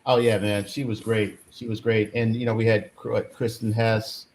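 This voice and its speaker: A man's voice: fairly low pitch, level tone, moderate pace, darkish tone, a little hiss or hum. A man in his fifties hosting a casual, chatty group recap. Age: 50s. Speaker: host. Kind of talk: casual reunion recap chat.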